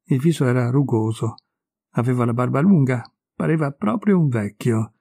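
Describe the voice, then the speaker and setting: A man reading a short story aloud in a measured storytelling cadence. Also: mid-range voice, vocal fry, mellow, slightly rough, dry recording, studio quality. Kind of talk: audiobook reading.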